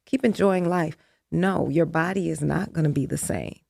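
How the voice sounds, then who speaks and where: Guest in her 50s, woman with a low, gravelly voice, calm and measured. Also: no echo, studio quality. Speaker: interview guest. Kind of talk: candid interview chat.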